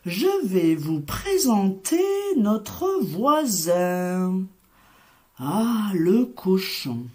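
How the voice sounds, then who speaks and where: A woman reading a storybook aloud, voicing a gentle, caring mother hen. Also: mid-range voice, very animated, extremely slow. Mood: welcoming.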